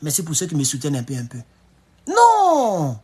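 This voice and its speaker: A man giving excitable, emphatic political commentary on a live stream. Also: on the high side, moderate pace, husky.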